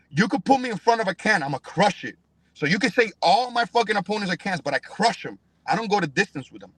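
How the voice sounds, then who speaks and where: The recording is poor, dry and close with no echo, carrying a young Cuban man's high, somewhat bright voice. A professional fighter on a podcast, he talks in emphatic, casual, profane slang full of "bro" and "you know what I'm saying."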